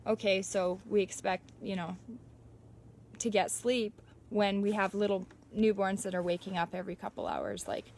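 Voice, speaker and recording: A woman's voice: medium pitch, animated, moderate pace, creaky, a little mellow, slight background noise. A young adult woman talking casually and reassuringly, as a host sharing her experience on a livestream. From Canada. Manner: reassuring, conversational. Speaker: livestream host and mother speaking from personal experience. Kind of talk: casual informal livestream talk.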